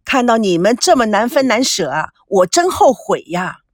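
A woman's voice: on the high side, very animated, moderate pace, no echo, studio quality. Woman doing a cheeky playful young man. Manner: joking, cheeky, sometimes sighing.

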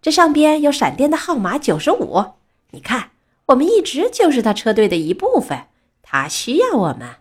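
A woman voicing a goofy, cheerful male tow truck from a storybook, excited and shouting. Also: high-pitched, normal speed, breathy edge, exaggerated voice.

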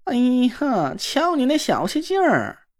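A woman voicing an effeminate, fawning and sly young man, talking in a wheedling, drawn-out sing-song way. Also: high voice, wildly swooping pitch, voice pushed up, full character voice. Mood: coaxing. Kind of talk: audiobook character voice.

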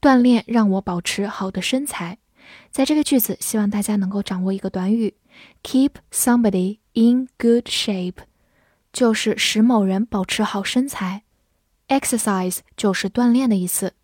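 A woman teaching English vocabulary, spelling words out letter by letter and reading example sentences slowly for students to repeat. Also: medium pitch, a little mellow, no echo, clean studio sound. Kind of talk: vocabulary lesson.

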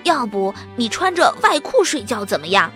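A woman voicing a cheery, well-meaning schoolboy in a storybook, always ready with a new idea and a little sheepish when caught out. Her voice stays bright, lively and fairly high. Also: soft background music. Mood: helpful. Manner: eager, quick to offer ideas, sheepish. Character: cheerful, well-meaning boy, a loyal friend.

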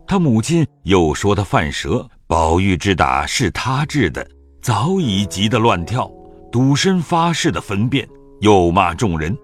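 A man narrating a classic story in an audio drama with a lively storytelling manner. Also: fairly low pitch, measured pace, soft background music.

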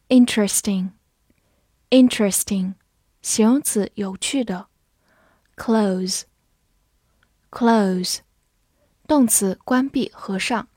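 A young woman gives a vocabulary lesson in Chinese with English examples, her voice fairly high. She explains patiently and slows down to spell and drill each word. The sound is close and dry. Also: warm tone, slightly rough, dry recording.

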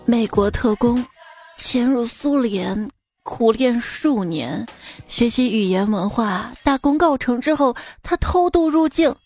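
A high-pitched woman telling jokes on a radio show. She tells them in a lively, casual way, acts out the quoted characters and laughs at her own punchlines. Faint music plays behind her. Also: takes it slowly. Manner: lively storytelling, acting out quoted lines. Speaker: radio joke show host.

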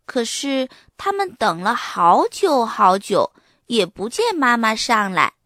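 A woman's voice: fairly high pitch, slow, no echo, clean studio sound. Woman reading a children's story. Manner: clear, expressive, even narration.

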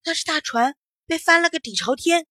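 A woman's voice: extremely high pitch, fairly quick, pushed and bright, dry recording, clean studio sound. A woman narrating a children's story expressively, acting out sounds as she goes.

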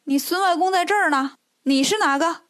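A brash male monkey king, cheeky and quick to anger, voiced by a woman reading the tale. His voice rides high and impatient, the feisty hero of a storybook. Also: a bit bright.

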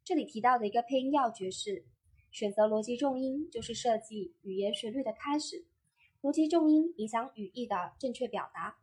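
Female voice-acting tutor with a breathy, husky tone and a somewhat high pitch. Measured, scripted lesson read. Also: mellow. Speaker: voice-acting teacher. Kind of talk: scripted instructional narration.

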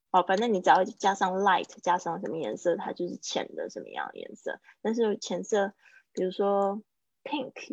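A woman teaching an English class over a live online call, patiently explaining and repeating example phrases slowly. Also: on the low side, gravelly, darkish tone, husky, dry recording. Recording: dull lo-fi dry stream audio.

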